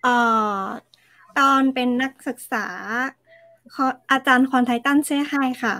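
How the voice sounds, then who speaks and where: A Japanese woman with a Japanese accent, speaking as a guest in a casual interview, with slightly halting, non-native phrasing. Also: high voice, pushed and bright, no echo. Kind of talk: casual live-stream interview.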